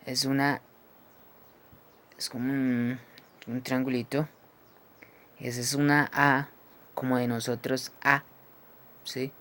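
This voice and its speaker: Man, phonetics teacher, unhurried, checks understanding after every symbol. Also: mid-range voice, level tone, a bit bright. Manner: slow, explains each symbol, checks with "¿sí?" and "¿cierto?". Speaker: English teacher. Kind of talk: phonetics lesson.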